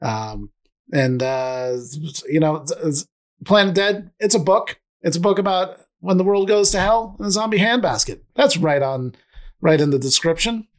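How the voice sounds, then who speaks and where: A man's voice: sits high, animated, moderate pace. A man co-hosting a podcast in casual chat, rambling and trailing off with fillers. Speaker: podcast co-host.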